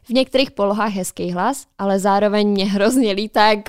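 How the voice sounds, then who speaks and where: A woman co-hosting a relaxed podcast, speaking at a middling pitch in a chatty, reflective way. She shares advice in an easy, conversational manner, and her voice sounds dry and close to the mic. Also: smooth, no room sound. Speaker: podcast co-host. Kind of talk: casual podcast chat. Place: studio.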